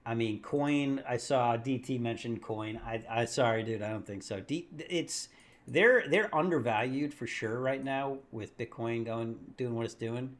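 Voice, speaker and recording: A man's voice: mid-range voice, unhurried. A man hosting a casual live market stream, rambling and thinking aloud, correcting himself as he goes and laughing often.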